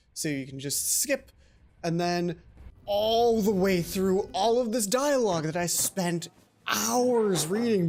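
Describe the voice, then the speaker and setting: With a medium-pitched, slightly mellow voice, she comments casually on a game in her let's play video, reading dialogue aloud as game music plays. Her style is rambling and self-deprecating, with frequent exclamations.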